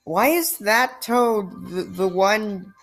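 A woman offers casual, sarcastic let's play commentary over a game, reading its dialogue aloud. She speaks slowly at a medium pitch, with soft background music.

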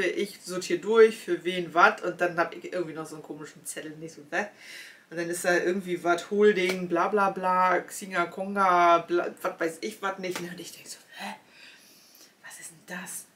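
A woman's voice: lowish voice, steady tone, moderate pace, a bit bright. Chatty woman podcaster. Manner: chatty storyteller, acts out dialogue, frequent tag "ne?". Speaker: knitting podcast host. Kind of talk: casual podcast monologue. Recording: voice a bit distant from the mic.

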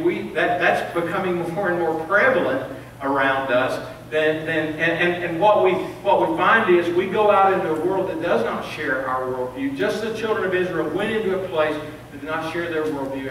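Middle-aged man, pastor, earnest sermon delivery, high-ish voice, distant lectern mic in a very echoey church. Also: fairly bright tone. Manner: earnest preaching with rising emphasis and repeated restarts. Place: large church sanctuary, preaching at a lectern. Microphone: lectern microphone, filmed by a far camera. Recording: echoey sanctuary, distant mic, faint hiss.

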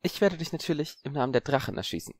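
A man's voice: a little high, lively intonation, fast, no room sound, voice pushed up, natural voice. A smug young schoolboy who is sure of his own cleverness, as a man reads him in an audiobook. The voice is raised and the tone is superior. It sits dry and close. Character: smug, scheming young boy wizard. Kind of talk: audiobook character voice.

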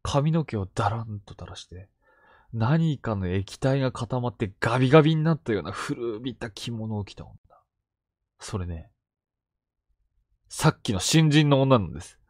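A man retelling collected true ghost stories in a hushed, suspenseful storytelling manner with sudden vivid turns. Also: medium pitch, animated, moderate pace, long pauses, no room sound, clean studio sound.

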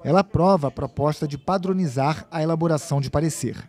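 A male TV reporter reading a scripted news report in a measured, formal way, with a Brazilian Portuguese accent. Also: on the high side, a little mellow.

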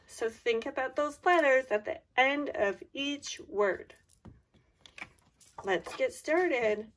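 A woman teacher giving a slow school dictation, speaking deliberately in simple instructions for young children and repeating words. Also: fairly high pitch, fairly bright tone. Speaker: teacher giving a spelling test.

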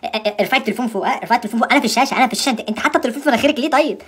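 A man's voice: very high-pitched, rapid-fire, fairly bright tone, breathy edge, exaggerated voice. Man doing a whiny Egyptian daughter. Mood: exasperated. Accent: Egyptian Arabic. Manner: whiny, exasperated. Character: exasperated young adult daughter calling her mother. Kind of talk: comic sketch.

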